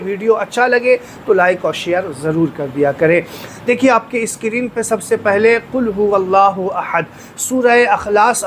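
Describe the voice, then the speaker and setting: Patient man teaching slow recitation. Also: sits high, slight background noise. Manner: patient, repeats phrases slowly and drawn out for learners. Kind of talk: instructional lesson with slow recitation.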